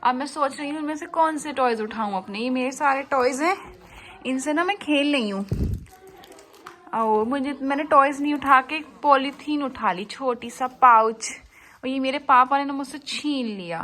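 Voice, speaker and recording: A woman's voice: sits high, moderate pace, a bit bright. A woman voicing a cheerful, chatty baby girl, narrating a vlog in the first person in sweet, sing-song baby talk. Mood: playful.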